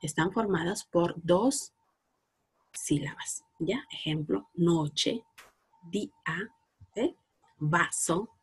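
Speaking in a fairly low, husky voice, a Peruvian Spanish–accented woman leads a recorded class for young children. She works slowly and patiently, coaxing replies with questions and offering praise.

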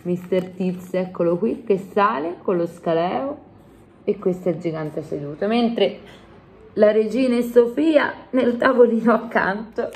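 A woman reading a storybook aloud to a class of children, stopping for chatty asides. Her voice rises and falls in a lively, animated way. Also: medium pitch, unhurried.

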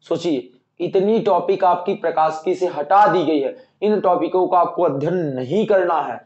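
In an exam-prep lecture, a male teacher works through the syllabus, repeating key points and reassuring the students he calls dear children. His voice sits high with a darkish tone at a moderate pace, captured in an echoey room with dull, lo-fi sound.

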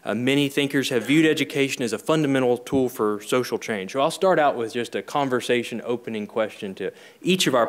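A man moderating a panel discussion from a podium, measured and formal in a conference room. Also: medium pitch. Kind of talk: moderating a panel, reading quotes. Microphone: podium microphone.

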